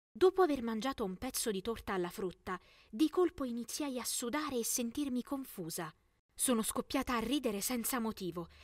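A young woman reads a scripted first-person story as a teenage narrator, clearly and expressively. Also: on the high side, no room sound, studio quality.

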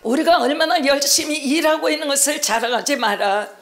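A woman interpreting a sermon live, phrase by phrase, often opening with a quick acknowledgment. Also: high-pitched. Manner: fluent, with frequent "ne" acknowledgments and restarts. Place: conference hall.

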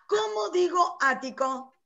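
A woman teacher with an Argentine Spanish accent, running an online English class in a lively, coaxing way. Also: very high voice, slow, gravelly, dull audio. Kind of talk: online class, drilling vocabulary. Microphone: computer mic on a video call. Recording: noisy video call audio.

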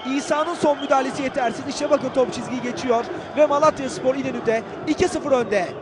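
A man giving excitable, declamatory live commentary on a football match. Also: very high voice, a little fast. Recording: loud stadium crowd noise behind. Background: cheering football stadium crowd.

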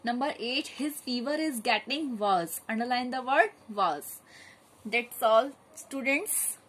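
A woman teacher going through a grammar exercise, reading each sentence and then calmly telling the children which words to underline. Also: a little high, slow, poor audio. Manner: steady, methodical dictation of exercise answers. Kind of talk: grammar lesson, reading out answers.

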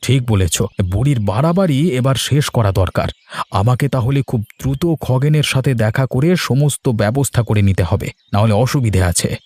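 A man's voice: mid-range voice, animated, moderate pace, a little mellow, no room sound, close to an everyday voice. A man voicing a scheming village man. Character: scheming village man, plots against the aunt. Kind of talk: cartoon voice acting.

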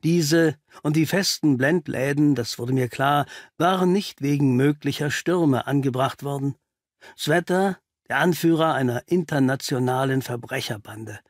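A man reading an audiobook aloud as a first-person narrator, telling the story in a measured way. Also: medium pitch, no room sound, studio quality.

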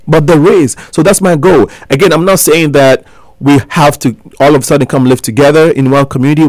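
Speaking with a fairly high, slightly mellow voice and no echo, a man in his thirties from Ghana appears as a guest on a college radio interview with a talk show host. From the small studio, he pleads his case earnestly and persuasively, frequently restarting as he goes.

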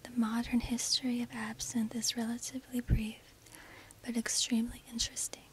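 A woman narrating a script in a breathy, unvoiced ASMR whisper, measured and deliberate, close on a binaural microphone. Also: fairly high pitch, little pitch movement, slight background noise, poor audio. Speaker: narrator of an ASMR history video.

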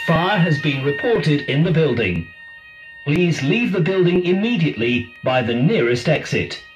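A man's recorded evacuation announcement, played through fire alarm loudspeakers in a slow, measured public-address manner. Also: fairly high pitch, big pitch swings, dull audio, faint music behind. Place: building interior, heard from another room. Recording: distant loudspeaker over alarm tones.

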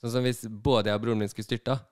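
A man's voice: medium pitch, little pitch movement, darkish tone, dry recording, clean studio sound. A man co-hosting a podcast, chatting casually and joking. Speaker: podcast co-host. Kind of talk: casual chat.

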